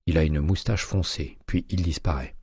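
Reading a crime audiobook, a male narrator keeps a measured, even pace. His very low, dark voice carries a husky edge. The recording is close and dry, with no room sound at all.

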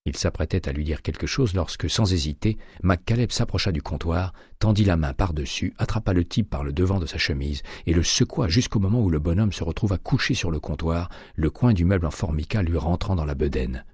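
A man reading a thriller audiobook in a steady, measured voice, recorded close and dry. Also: deep voice, slightly rough, dry recording. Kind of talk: audiobook narration.

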